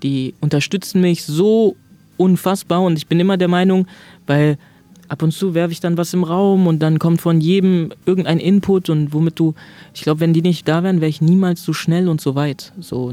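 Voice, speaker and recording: A man's voice: fairly high pitch, mellow. A young man, a comedian guest, telling stories in casual chat, laughing often and acting out his friends' lines.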